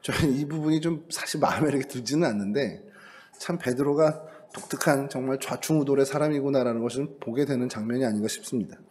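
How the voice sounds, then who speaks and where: A man's voice: medium pitch, quick pace, a little mellow. A middle-aged man giving a sermon as a pastor, in a conversational storytelling manner that brings scripture and family life close to the listener. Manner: conversational storytelling, acts out quoted lines.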